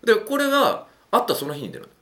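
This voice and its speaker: A man talking through dating advice in a casual monologue, animated and acting out little quotes, with a self-affirming "un" between points. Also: fast talker. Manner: animated, swoops widely in pitch, acts out quotes.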